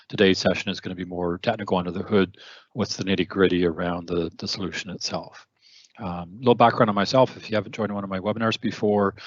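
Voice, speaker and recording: This webinar host, discussing technical material in a conversational way, leans heavily on fillers and repeats words. His slightly worn voice sits low with a breathy edge, and he keeps clearing his throat as he loses his voice. The audio is dull, with no echo.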